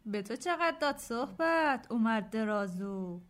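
A woman's voice: on the high side, lively intonation, lightly acted. A woman voicing a curious, sulky young deckhand boy, reading a storybook aloud.

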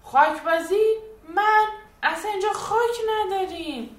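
A woman's voice: mid-range voice, lively intonation, natural voice. A woman voicing a small, boastful male teddy bear in a storybook reading, talking in an indignant, brave way. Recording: echoey room, distant, faint music.

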